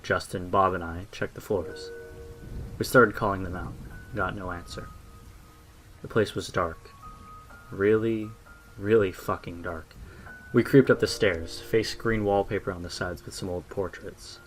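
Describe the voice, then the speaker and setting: A man tells a creepy story in a low, quiet voice, letting the grim details settle. His pitch sits on the deep side, and he keeps a steady storyteller's hush. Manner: low, hushed storytelling with dark asides. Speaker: narrator. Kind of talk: horror story narration.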